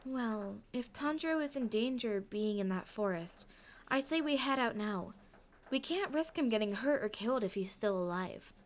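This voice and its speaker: A woman voicing a gentle young ice swordswoman. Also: fairly high pitch, lively intonation, moderate pace, a little hiss or hum, voice pushed up, lightly acted. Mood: determined. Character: young female ice swordswoman, calm and kind.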